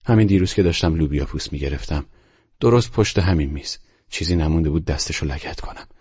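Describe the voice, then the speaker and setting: A man's voice: very deep voice, a little mellow, husky, dull audio. A man voicing a fretful, resentful young housemaid in an audiobook, complaining and agitated. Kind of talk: audiobook character reading.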